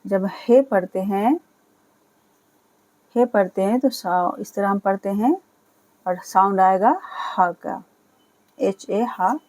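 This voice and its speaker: A woman gives a slow beginner alphabet lesson, naming each letter and then repeating the sound it makes. Her voice is mellow and warm, and she takes her time over every word. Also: mid-range voice, poor audio. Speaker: Urdu teacher.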